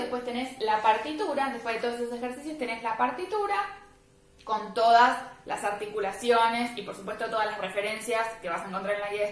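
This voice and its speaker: A violin teacher explains practice steps in a patient, methodical way, often checking in with her students. Her voice sits a little high for a woman. The recording rings with heavy echo from the room. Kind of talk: step-by-step music lesson. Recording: very echoey room.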